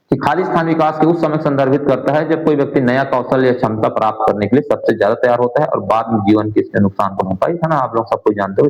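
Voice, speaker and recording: A male coaching teacher with a mid-range, slightly mellow voice walks through an exam answer key in Hindi, sprinkling in English exam terms. He asks his class questions and answers them himself, and the recording sounds dull, roomy and lo-fi.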